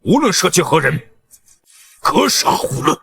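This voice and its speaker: A man's voice: a little high, big pitch swings, measured pace, vocal fry, fairly bright tone, exaggerated voice. An older man playing a stern alliance leader who issues orders. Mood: stern command. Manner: commanding, issuing orders. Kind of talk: dubbed costume drama acting.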